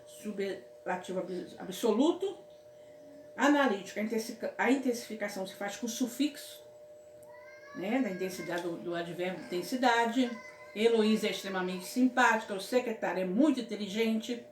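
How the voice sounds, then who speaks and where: A woman's voice: medium pitch, moderate pace, a little hiss or hum. A woman teaching a casual grammar lesson, from Brazil, affectionately calling her students "my loves" and checking in with them often. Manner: affectionate, repeats "certo, meus amores?". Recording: echoey room with faint ambience.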